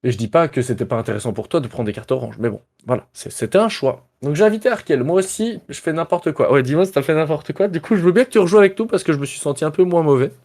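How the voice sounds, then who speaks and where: A man's voice: fairly high pitch, lively intonation, quick pace, few pauses, darkish tone. Chatty man hosting a board game stream. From Belgium. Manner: chatty and playful, jokes about himself, reads card texts aloud. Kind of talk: casual live-stream chat while playing.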